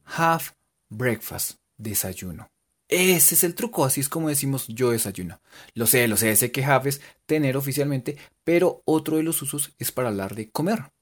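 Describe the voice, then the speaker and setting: Lively, slow-talking man teaching. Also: mid-range voice. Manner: slow, playful, spells words out letter by letter. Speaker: English teacher. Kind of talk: beginner English lesson.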